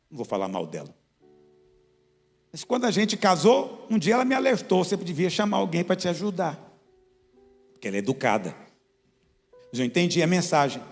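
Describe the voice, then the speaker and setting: A man preaching a sermon as pastor, emphatic and joking with his congregation, leaping up into high shouts. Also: vocal fry. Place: church hall with congregation. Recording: reverberant church hall with soft music.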